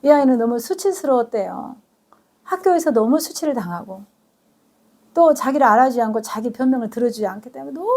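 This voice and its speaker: A woman pastor giving a sermon in a high, bright voice. She tells stories with real feeling and sometimes catches her breath mid-sentence. She reads English verses slowly and carefully, then explains each one in simple words. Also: creaky. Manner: emotional, storytelling delivery with gasps.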